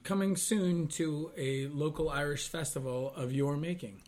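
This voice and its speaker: A man from New York, a musician guest on a talk show, answering in a relaxed, joking way. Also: on the high side, a little slow. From New York, USA. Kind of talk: casual interview chat.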